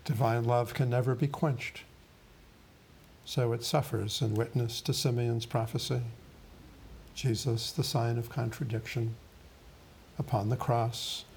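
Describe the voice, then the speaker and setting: A man preaches a sermon, slow and solemn. He takes his time over each phrase and pauses gravely, at an even middle pitch.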